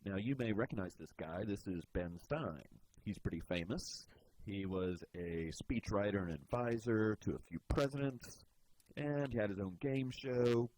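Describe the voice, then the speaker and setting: A man's voice: lowish voice, unhurried, darkish tone, a little hiss or hum, poor audio. A man teaching presentation skills in a video lecture, explaining expressively with demonstrations. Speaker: presentation instructor.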